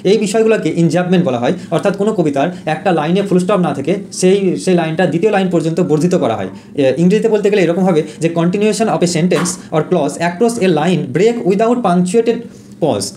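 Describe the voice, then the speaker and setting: A man teaching an exam-prep lesson, who explains in Bengali, reads English definitions slowly and often pauses with fillers and corrects himself. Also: high-pitched, mellow. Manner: frequent fillers and self-corrections.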